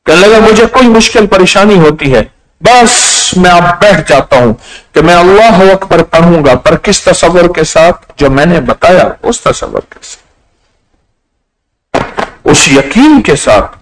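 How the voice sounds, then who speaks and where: Male preacher telling anecdotes from the pulpit, pitched a little high, voice swinging widely as he acts out each story. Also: rough recording. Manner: animated storyteller who acts out the people in his anecdotes. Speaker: religious speaker. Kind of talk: storytelling sermon.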